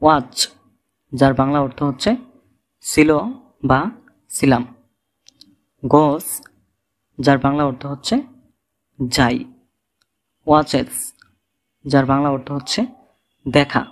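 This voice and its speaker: Slow, patient Bangladeshi male teacher. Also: mid-range voice, little pitch movement. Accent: Bangladeshi Bengali. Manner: spells out words letter by letter and gives Bengali meanings. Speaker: English teacher. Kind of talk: slow instructional lesson.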